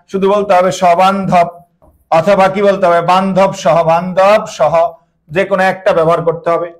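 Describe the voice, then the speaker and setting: A young man with a slightly high voice teaches an online class. He stresses key words by repeating them and keeps quizzing his students.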